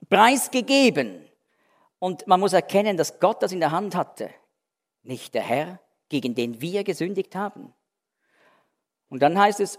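A man preaching an expository Bible sermon, emphatic, switching between loud stressed words and quiet, low phrases. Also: big-room sound.

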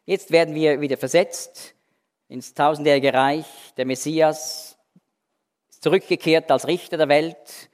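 A man preaching through a Bible passage with a slightly raised voice. He leans hard on key words and then drops low and quiet. His voice rings with the long reverb of a large church hall. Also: steady tone, a little slow. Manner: emphatic, swings between loud stresses and quiet low phrases. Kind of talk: expository Bible sermon.

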